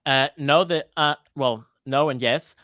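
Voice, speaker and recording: A man's voice: a little high, measured pace, pushed and bright, no room sound, studio quality. A man in his thirties from Denmark, a guest on a live-streamed interview, talking hesitantly with many restarts. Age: 30s.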